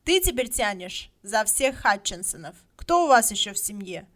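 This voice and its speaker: A woman voicing a brisk middle-aged man who runs a village lottery and calls out names. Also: mid-range voice, sing-song. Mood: officious. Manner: brisk, calling out names loudly.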